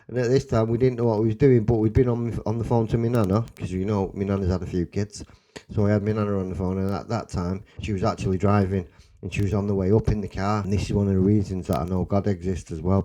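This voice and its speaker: A young man with a Salford accent telling a personal story in a rambling, excitable way, swearing and restarting often. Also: lowish voice, low-quality recording. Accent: Salford English. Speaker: storyteller guest.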